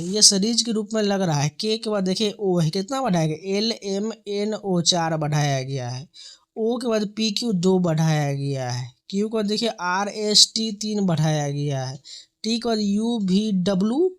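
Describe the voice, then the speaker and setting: A male coaching teacher explaining exam reasoning questions step by step, counting letters and numbers aloud and answering his own questions. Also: sits high.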